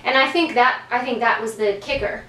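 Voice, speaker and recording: A woman's voice: fairly high pitch, fairly quick, bright, forceful tone. A woman in her forties from New Jersey, a guest talking candidly in a casual chat. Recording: roomy distant mic.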